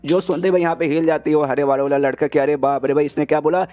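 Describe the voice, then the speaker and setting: A man's voice: a little high, flat delivery, fast, mellow. A man retelling a comic story in a chatty, casual way, calling the listener "brother" again and again. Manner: chatty, says "bhai" in nearly every line. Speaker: manhwa recap narrator.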